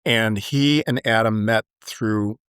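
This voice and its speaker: A man's voice: on the low side, slow pace, smooth, no echo, studio quality. Earnest middle-aged man telling stories. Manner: reflective storyteller, warm and earnest. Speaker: guest, business owner and author. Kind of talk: casual chat.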